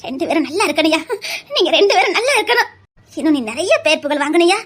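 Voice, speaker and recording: A woman's voice: very high voice, expressive, quick pace, a bit bright. A woman voicing a kindly old village mother in a cartoon, with a Tirunelveli Tamil accent, fond and blessing.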